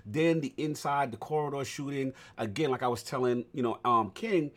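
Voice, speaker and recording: Male co-host, casual, slangy, animated; medium-pitched voice. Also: moderate pace. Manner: animated, slangy, laughs and gets loud when excited. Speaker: podcast co-host. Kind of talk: casual game discussion.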